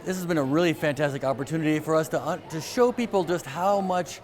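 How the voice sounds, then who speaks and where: A man's voice: fairly high pitch, fast. A man who hosts an event, talking informally and repeating words as he goes. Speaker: event organiser and host. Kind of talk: informal interview and event talk. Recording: clear background noise and hiss.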